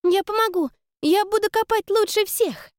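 A woman reading an audiobook, voicing an excited, eager little girl with squealing shouts. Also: extremely high pitch, normal speed, no echo, studio quality, pitched above the performer's own voice. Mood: gleeful. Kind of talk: audiobook character voice.

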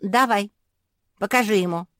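A woman voicing a spoiled, snobbish little Labrador puppy girl in a storybook, with a shrill, haughty manner. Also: moderate pace, a bit bright, no echo, studio quality, lightly acted. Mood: pleading.

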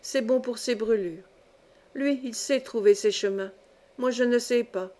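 A woman's voice: on the high side, unhurried, warm tone, lightly acted. A woman voicing a distraught young widow, driven mad by grief, rambling feverishly and crying out curses in a read story. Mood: wistful. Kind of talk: audiobook reading.

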